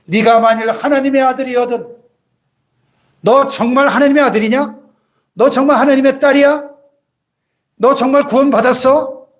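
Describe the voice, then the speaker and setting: A man's voice: extremely high pitch, fairly even intonation, normal speed, long pauses, voice pushed up. A man voicing a sneering male devil who hurls jeering rhetorical questions. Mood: taunting.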